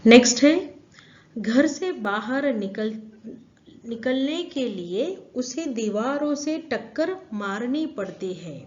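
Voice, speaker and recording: A woman with a fairly high voice teaches grammar to children, taking her time. She repeats each example sentence and leans on the key words. The audio is dull and lo-fi. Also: darkish tone.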